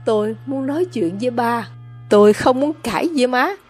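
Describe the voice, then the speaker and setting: A woman reader voicing an earnest young village man, quiet and a little tremulous. He speaks softly and pleads in a slightly high voice, a storybook figure caught between duty and love. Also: moderate pace, slightly rough, soft background music. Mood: pleading.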